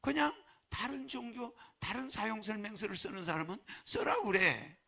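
A man's voice: high-pitched, big pitch swings, normal speed, vocal fry, bright, forceful tone, slightly rough. A man preaching to followers in a folksy way, chuckling and throwing rhetorical questions at them. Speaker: religious leader addressing followers. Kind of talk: sermon.

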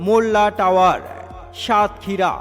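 A man with a high voice announces an advertisement in a loud, formal loudspeaker style. A long, hall-like echo trails his words over faint music. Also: normal speed. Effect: echoing loudspeaker-style announcement sound. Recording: long reverb with music underneath.

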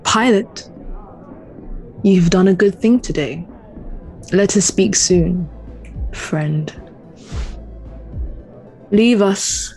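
A woman playing a proud, menacing king who taunts a prisoner in a slow, deliberate, imperious way in an audio play. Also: lowish voice, darkish tone, rough recording. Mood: condescending. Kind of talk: dramatic audio play acting.

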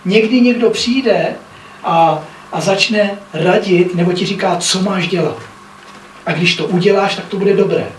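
A man with a high voice preaches an earnest sermon, stopping often to ask his congregation whether they follow. His voice rings through an echoey hall, picked up from some distance, with a faint hum of room noise behind it. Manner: earnest, often checks in with listeners. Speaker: pastor. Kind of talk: sermon with scripture reading. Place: church hall.

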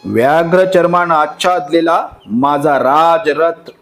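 A man voicing a dutiful, righteous young king who speaks in a measured, hesitant way. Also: on the high side. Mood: earnest, uneasy.

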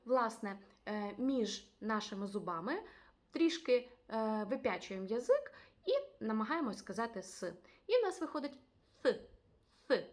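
A woman teaching a language lesson, addressing viewers directly and repeating each word twice, slowly. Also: on the high side, a little mellow. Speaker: Spanish teacher.

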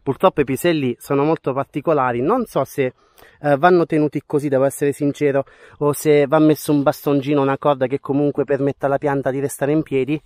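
A man's voice: on the high side, fairly even intonation, fairly quick, a little mellow. A man, chatting enthusiastically to viewers in a casual countryside vlog, filmed outdoors and indoors on an action camera. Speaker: vlogger farming in the countryside. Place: outdoors on a farm plot and in a small rural room. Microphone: wide-angle action camera held or worn.

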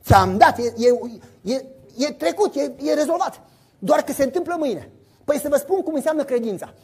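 A middle-aged man preaching a sermon, telling stories with lively acted-out voices and sound effects. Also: very high voice.

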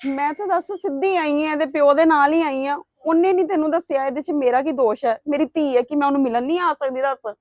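A woman's voice: high-pitched, fairly quick, hardly any pauses, no echo, lightly acted. A middle-aged woman acting a mother who defends herself to her son-in-law in a family drama. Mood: defensive. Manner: defensive, pleading. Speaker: wife's mother. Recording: dull dry sound.

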